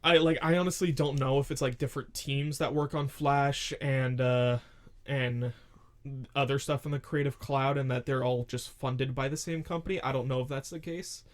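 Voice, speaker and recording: A man's voice: medium pitch, fairly even intonation, moderate pace. A man in his twenties co-hosting a podcast from his room, talking casually into a studio mic in a rambling, profane way full of "like.". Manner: rambling and profane, lots of filler "like". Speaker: podcast co-host. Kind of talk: casual chat. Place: home room. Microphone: studio mic with pop filter.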